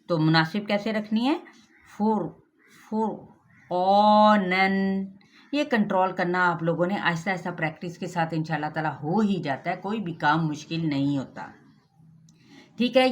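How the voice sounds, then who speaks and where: A woman with a Pakistani Urdu accent teaching Quran recitation rules, patiently explaining step by step and drilling each sound slowly. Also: lowish voice, fairly bright tone. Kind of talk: tajweed lesson with recitation.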